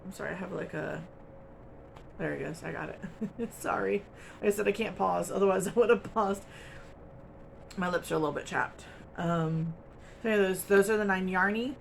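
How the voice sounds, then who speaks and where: A woman's voice: mid-range voice, moderate pace, creaky, pauses often, slight background noise. A woman chatting casually to camera as host of a crochet channel, rambling along with lots of ums and little laughs, from home. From United States.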